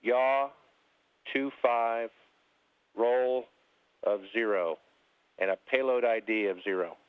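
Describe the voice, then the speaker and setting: A man speaking as a mission control capcom over a space-to-ground radio link, relaxed and polite with precise number calls. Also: mid-range voice, slow, smooth, no echo. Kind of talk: terse air-to-ground radio exchange. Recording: narrow dry radio loop.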